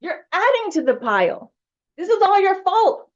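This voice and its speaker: A woman's voice: very high-pitched, big pitch swings, moderate pace. A woman village trustee arguing passionately and emphatically at a public board meeting. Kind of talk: heated public meeting debate. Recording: dull lo-fi meeting recording.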